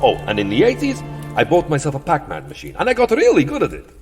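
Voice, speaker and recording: An actor playing a weary, settled vampire count in a comic audio drama, theatrical and wry, by turns boastful, petulant and self-deprecating. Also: male voice, a little high, huge pitch swings, fast, gravelly, over music, exaggerated voice. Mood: indignant, boastful.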